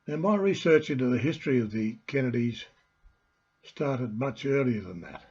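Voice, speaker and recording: An older man from Australia with a husky voice, presenting an informal heritage talk as host and storyteller in halting, deliberate phrases. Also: medium pitch, animated, a little mellow, muffled recording. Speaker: host, family historian and storyteller.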